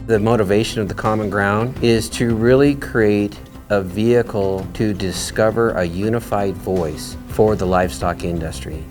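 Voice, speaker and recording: Man with a low voice. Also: steady tone, normal speed, few pauses, darkish tone, faint music behind. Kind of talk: interview talk.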